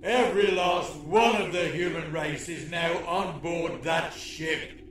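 A man's voice: a little high, slow pace, a bit bright, echoey room, slight background noise. A man voicing a gloating male alien villain leader in a storybook reading, speaking with a sneering, mocking manner.

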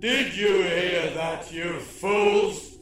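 A man's voice: sits high, fairly even intonation, very slow, fairly bright tone, echoey room, slight background noise, exaggerated voice. A man voicing a gloating male alien villain leader in a storybook reading, speaking with a sneering, mocking manner.

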